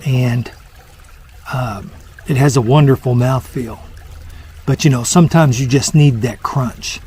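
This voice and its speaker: A man's voice: mid-range voice, measured pace, darkish tone, husky. A man vlogging on a hike, giving a mock-serious, savoring food-critic review outdoors by a lake. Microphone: small handheld camera.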